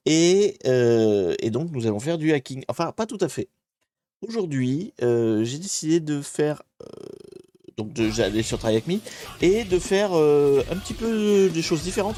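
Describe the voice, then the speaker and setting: A man's voice: mid-range voice, darkish tone, no room sound, clean studio sound. A man hosting a live stream, explaining a security exercise in a jokey, chatty way and greeting his viewers. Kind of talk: casual live-stream tutorial.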